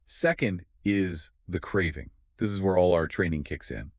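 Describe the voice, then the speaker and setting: A man's voice: deep voice, normal speed, dry recording, clean studio sound. A man co-hosting an explanatory podcast, confidently walking through ideas step by step. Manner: confident, explains in clear steps. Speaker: podcast co-host.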